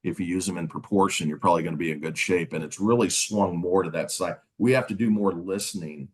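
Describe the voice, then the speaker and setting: Husky low-voiced man on a panel. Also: fast talker. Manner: conversational, folksy, with fillers. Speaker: sales executive. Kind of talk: webinar panel discussion.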